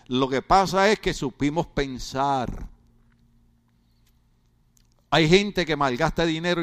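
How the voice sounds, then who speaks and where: A man preaching in a chatty, joking way with lots of rhetorical questions. His voice sits high for a man and swings widely up and down. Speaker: pastor. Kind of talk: humorous sermon.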